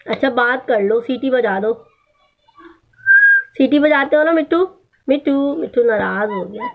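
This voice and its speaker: A woman's voice: high voice, animated, a little slow, gravelly. A woman in a casual pet vlog, coaxing her parrots in a sing-song voice while talking to viewers. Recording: dull lo-fi sound with loud background noise.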